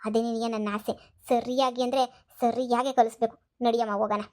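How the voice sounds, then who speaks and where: A woman's voice: steady tone, brisk, darkish tone, natural voice. A woman voicing a scheming young maid's daughter in a cartoon comedy, urging. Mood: plotting. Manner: urging, plotting in a low voice.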